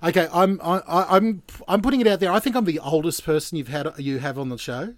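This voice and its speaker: An Australian man in his forties with a fairly high voice chats casually as a guest. He talks in a halting, self-interrupting way, recorded with very little room sound. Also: no echo, studio quality. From Queensland, Australia. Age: 40s. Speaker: podcast guest, radio DJ. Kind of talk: casual chat.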